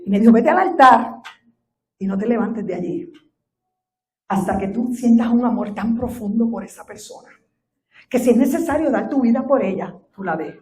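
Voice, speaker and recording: A high-voiced woman pastor with a Puerto Rican accent preaches a sermon. She tells a story from her own life and swells into fervent, shouted appeals. She sounds middle-aged. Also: expressive, moderate pace. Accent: Puerto Rican Spanish. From Puerto Rico.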